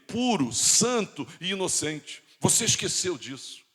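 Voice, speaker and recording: A Brazilian man with a Rio de Janeiro accent preaching a sermon, swinging between loud and hushed emphasis. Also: high voice, very animated, unhurried, slightly rough. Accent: Rio de Janeiro Portuguese. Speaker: pastor. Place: church. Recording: hall reverb.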